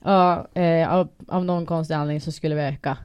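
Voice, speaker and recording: A young woman telling animated stories in casual chat, acting out quoted shouts and laughing often. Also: deep voice, clean tone, no echo. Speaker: guest.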